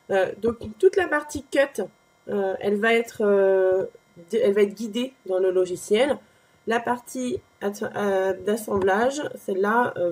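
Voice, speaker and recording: A woman hosting a crafting tutorial, walking through a software page step by step with a conversational, explanatory manner and frequent fillers. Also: mid-range voice, breathy edge. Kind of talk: screen-recorded software walkthrough.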